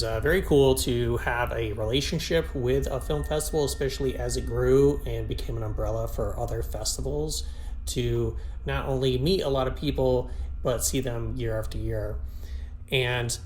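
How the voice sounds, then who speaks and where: Male host and filmmaker with a mid-pitched voice, casual and chatty, faint music bed. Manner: easygoing, chatty, with small laughs and fillers. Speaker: filmmaker hosting his own show. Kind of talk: casual narration over behind-the-scenes clips.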